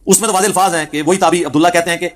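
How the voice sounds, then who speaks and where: A man giving a religious lecture on hadith, telling the stories vividly and acting out the quoted speech. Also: sits high. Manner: animated storyteller who acts out quoted speech. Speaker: Islamic preacher.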